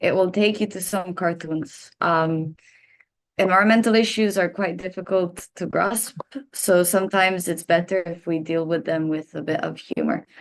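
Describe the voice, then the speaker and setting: A Serbian woman facilitating a workshop guides a seminar audience through an activity over a video call, using "um" frequently. Her voice is on the low side, with fairly even intonation at normal speed.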